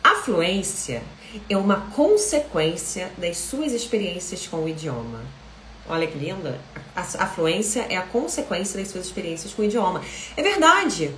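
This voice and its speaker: A woman with a Brazilian Portuguese accent, a language coach talking to viewers in a chatty, animated live stream. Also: fairly low pitch, normal speed, reverberant, slight background noise, low-quality recording.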